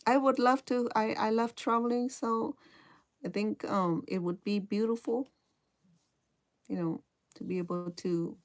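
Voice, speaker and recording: A woman's voice: a little high, steady tone, unhurried, pauses often. A middle-aged woman from Cambodia with a Cambodian accent, hesitantly chatting with viewers while teaching crochet and often repeating her words. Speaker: crochet instructor. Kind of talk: casual live-stream chat while crocheting.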